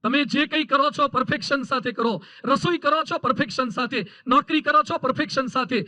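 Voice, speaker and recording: Male preacher, very high sharp voice, emphatic sermon full of stories, dry close sound. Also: a little fast, no room sound, poor audio. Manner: emphatic, repetitive lists, voices characters in stories. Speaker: swami preacher. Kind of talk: sermon with anecdotes.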